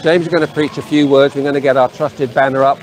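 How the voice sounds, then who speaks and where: An older man speaks earnestly and solemnly, his voice at an ordinary middle pitch. He stands in a sunny town square, caught by a camera a few metres off, with faint street ambience behind him. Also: steady tone, quick pace, background noise. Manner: earnest, solemn, reading names from a sheet. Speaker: street preacher. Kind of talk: outdoor video address.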